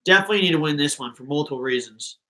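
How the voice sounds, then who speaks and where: A man's voice: fairly high pitch, expressive, racing, bright, forceful tone, rough recording. A young man hosting a live fan reaction stream, chatting casually and rambling between thoughts.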